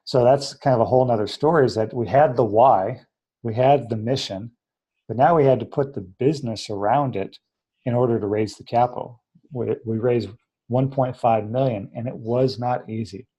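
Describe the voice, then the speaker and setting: A man's voice: medium pitch, moderate pace, dark tone, breathy edge. A man guesting on an interview show, earnestly telling his story and acting out the voices of people he quotes. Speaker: interview guest, treatment center founder.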